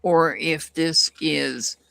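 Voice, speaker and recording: Here a tarot reader with a Southern US drawl muses slowly through live-stream readings and chat replies, with many restarts. Her voice is medium-pitched, steady, creaky and fairly bright, recorded dry.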